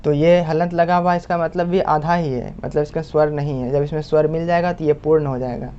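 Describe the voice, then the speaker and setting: A man teaching a lesson patiently, repeating points and drawing out example sounds slowly. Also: on the high side, steady tone, dark tone, slight background noise. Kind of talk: explanatory lesson. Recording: muffled lo-fi recording.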